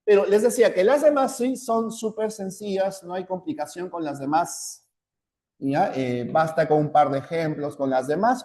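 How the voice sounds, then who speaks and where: A man's voice: on the high side, warm tone. A man with a Peruvian Spanish accent teaching a class, often repeating key terms and checking in with "¿ya?". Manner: slows down to spell out examples. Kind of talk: classroom lecture.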